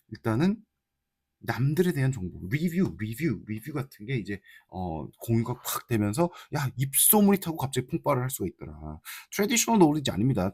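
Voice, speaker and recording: A man's voice: medium pitch, a little mellow, slightly rough, no echo, clean studio sound. A man teaching an exam-prep English lesson in casual Korean, reading English lines with a Korean accent and checking in with his students. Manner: talks to students, checks in with frequent tag questions; mixes Korean explanation with read-out English lines.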